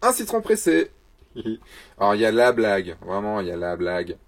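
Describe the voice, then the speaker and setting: A man's voice: low-pitched, fairly even intonation, fairly quick. A man, a photographer and the show's host, answers viewer questions in a casual vlog, joking and mocking himself in a loose, chatty way.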